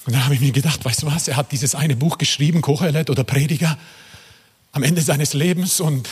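Preacher guy going big then whispering, husky voice, echoey hall. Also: a little fast. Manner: impassioned, swinging from loud highs to hushed whispers. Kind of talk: sermon.

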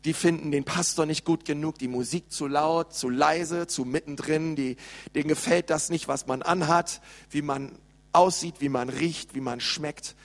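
A man preaching a lively sermon and speaking directly to his congregation. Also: fairly high pitch, moderate pace, in a large hall. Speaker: pastor.

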